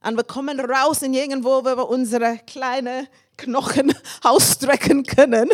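Woman, sermon, animated storytelling, frequent laughter, fairly high voice. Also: measured pace. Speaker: preacher.

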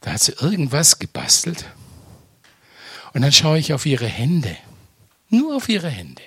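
An older man preaching a sermon, swinging between loud emphatic exclamations and soft hushed lines, often asking the congregation direct questions. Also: on the high side, huge pitch swings, measured pace, slightly rough, no room sound, studio quality.

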